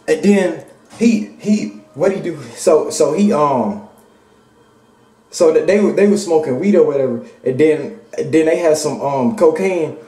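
A man's voice: fairly high pitch, warm tone, roomy sound, distant mic. A young man making a prank phone call, hesitant and stammering, repeating himself as he talks.

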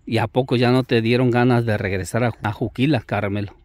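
A man's voice: medium pitch, steady tone, fairly quick, a little mellow, dry recording. A man from Oaxaca, hosting a casual interview with a teasing, laughing manner. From Oaxaca, Mexico. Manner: teasing, laughs often, keeps repeating the other's name. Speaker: host.

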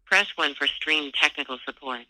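An automated phone support message, voiced by a man, reading menu options one prompt at a time. The voice is very bright and forward, and formal and even throughout. The sound is dry, with no room around it. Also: on the high side, moderate pace, no echo, poor audio. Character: male automated phone support line announcer. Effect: recorded automated phone menu message. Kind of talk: scripted phone menu announcement.

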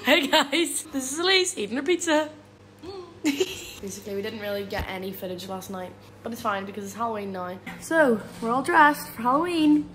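A woman's voice: on the high side, moderate pace, background noise. A young Scottish woman, a university student, chatting casually to her phone camera and giggling often. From Scotland. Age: young adult. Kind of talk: casual vlog chat.

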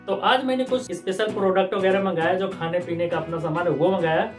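With faint music behind him, an Indian vlogger in his thirties chats animatedly while unboxing groceries indoors, a green screen and purple backdrop around him. His voice is high-pitched and quick, and he gestures as he talks.

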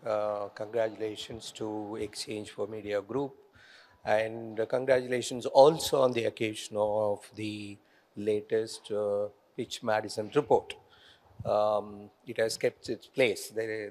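A middle-aged man, a company executive speaking as the guest on a conference stage, measured and hesitant, with many fillers, into a handheld mic. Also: medium pitch, a little mellow. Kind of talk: onstage conference conversation. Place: large conference hall stage.

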